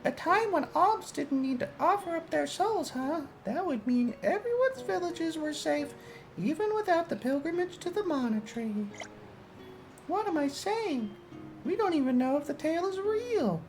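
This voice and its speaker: A man putting on a high falsetto to voice a dutiful young traveler from a game, in a mock-wistful manner. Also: big pitch swings, normal speed, faint music behind, heavily acted.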